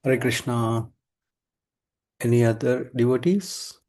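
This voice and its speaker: A man with an Indian accent teaching a devotional scripture class in a halting, conversational way. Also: medium pitch, darkish tone. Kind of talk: devotional lesson with verse recitation.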